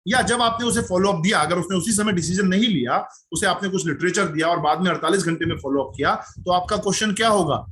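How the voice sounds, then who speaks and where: A man leads a sales skills training session in a steady coaching manner. His voice sits a little high, and he slips English phrases in while checking in with "right?". A faint hiss runs under the recording. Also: quick pace, few pauses, low-quality recording. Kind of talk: training presentation.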